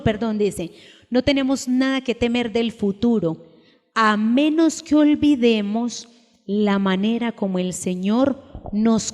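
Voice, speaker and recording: Woman preacher, slow and emphatic sermon delivery, fairly high voice, echoing church hall. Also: darkish tone. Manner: emphatic, asks the congregation repeated questions; slow, deliberate delivery with sudden raised cries. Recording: long echo of a large hall.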